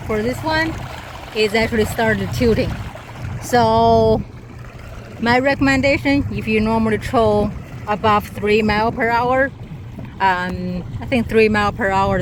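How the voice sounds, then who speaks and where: Slow-paced woman talking on a noisy boat. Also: medium pitch. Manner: talking while operating a boat, in short broken remarks. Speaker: product demonstrator. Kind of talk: casual hands-on product test narration. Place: outdoors on a small motorboat on the water. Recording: noisy outdoor boat recording. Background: boat and water noise.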